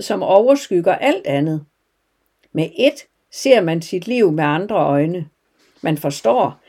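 A woman telling a parable and then reflecting on it in a calm, measured devotional talk. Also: mid-range voice, slightly rough. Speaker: devotional speaker. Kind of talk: storytelling sermon.

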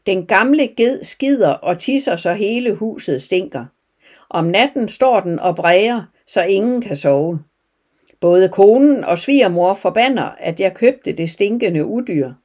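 A woman's voice: medium pitch, expressive, darkish tone, close to an everyday voice. Woman voicing a poor, weary farmer. Pleading and heartfelt in a storybook reading.

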